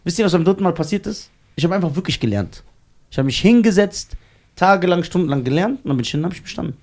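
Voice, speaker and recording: A man hosting a podcast, telling personal stories in a casual, animated, slangy way. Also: high-pitched, fast. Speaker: podcast host.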